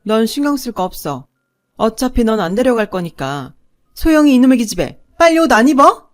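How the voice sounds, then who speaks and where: A woman voicing a cold, harsh middle-aged stepmother who scolds and shouts curtly in a radio story reading. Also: medium pitch, very animated, normal speed, natural voice. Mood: cold, shouting.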